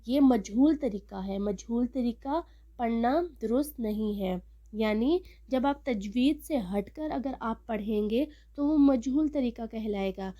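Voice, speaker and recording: A woman teaching a recorded lesson on reading Arabic letters as an online Quran teacher. She explains step by step and stretches letter names out slowly and loudly. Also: on the high side, muffled recording.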